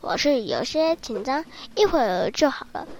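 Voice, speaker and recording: A woman's voice: high voice, big pitch swings, moderate pace, heavily acted. A woman voicing a cowardly male wolf who plays at being a bandit, blustering and trembling in a children's story. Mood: scared.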